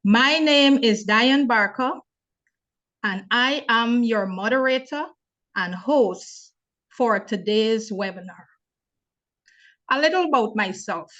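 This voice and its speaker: A young woman from Guyana, hosting and moderating a webinar on a video call, speaking in a measured, formal way. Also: on the high side, animated, a bit bright. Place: home or office on video call. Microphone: laptop mic on video call. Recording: dull lo-fi video call audio.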